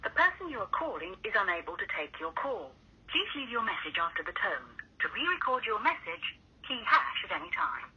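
Woman, automated voicemail prompt over a landline phone, formal and even, lively pitch movement, muffled lo-fi line. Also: brisk, slightly rough. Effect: heard over a landline phone. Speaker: voicemail system greeting. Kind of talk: recorded automated announcement. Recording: dull lo-fi phone line with faint hiss.

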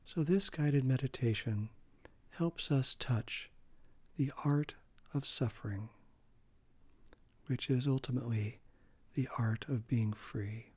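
Male meditation guide, unhurried and soothing, mellow tone, soft breathy trail at phrase ends, dry close sound. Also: mid-range voice, no echo.

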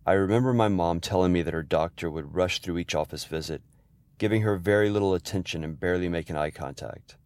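Middle-aged man, very low voice, dry close sound, fond gently humorous memoir narration. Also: fast talker, no room sound. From Houston, Texas area.

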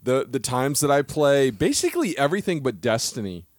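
Podcast guy chatting casually, animated, laughs a lot, dry close mic. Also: mid-range voice, fairly quick, no room sound. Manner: animated, laughs often, self-deprecating. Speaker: podcast co-host.

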